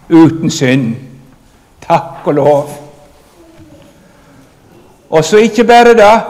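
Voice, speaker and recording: A man delivers an earnest, emphatic sermon and speaks straight to his listeners. His voice sits a little high for a man. It carries a long hall reverb. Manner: earnest, emphatic preaching, addressing the congregation directly. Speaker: preacher.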